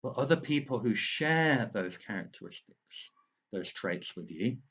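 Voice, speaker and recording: A man's voice: medium pitch, animated, unhurried, a bit bright, husky, muffled recording. A man with a slight lisp, talking earnestly and rambling a bit straight to the viewer in a video diary from his home. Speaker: author vlogger. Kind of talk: casual lockdown video diary. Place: at home indoors.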